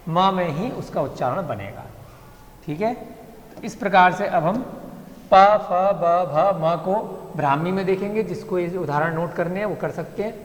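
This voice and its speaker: Male teacher, high-ish voice, unhurried drilling delivery, echoey classroom. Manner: slow, patient, repeats sounds aloud for drilling. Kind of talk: classroom lecture on script and pronunciation. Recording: echoey classroom with long reverb.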